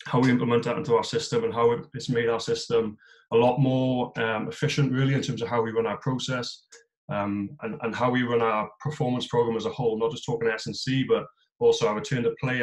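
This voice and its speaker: A man in his thirties from South Wales, with a South Welsh accent and mid-range voice, gives a webinar presentation as a guest speaker and head of physical performance. He's on a laptop video call from a small room at home, talking loosely with many fillers and restarts, and the recording is rough.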